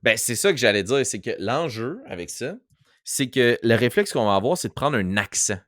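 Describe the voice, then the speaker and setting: A man's voice: medium pitch, lively intonation, normal speed, fairly bright tone, dry recording, clean studio sound. A man with a Quebec French accent, a game master chatting on a podcast and demonstrating voices as he explains. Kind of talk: casual podcast chat.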